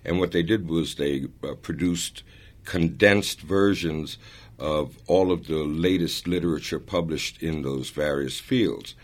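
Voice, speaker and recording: Very deep-voiced older man, relaxed storyteller. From born in Italy, raised in New York. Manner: relaxed, rambling, with many "uh" pauses and chuckles. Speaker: guest singer. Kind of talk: conversational storytelling interview.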